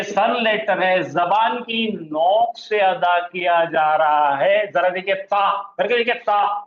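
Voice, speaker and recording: A man teaching an Arabic grammar lesson, asking the class questions and answering them himself, and drawing out example words slowly. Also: sits high, fairly bright tone. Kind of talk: classroom lesson explaining pronunciation. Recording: echoey room, slightly dull sound.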